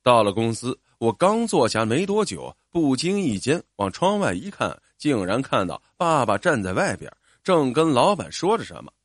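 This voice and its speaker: A male storyteller reading a first-person family story in a scripted narration style. His pitch rises and falls a great deal as he reads, and the delivery is expressive and emotional. The recording is dry and close, with no room echo. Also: moderate pace, few pauses.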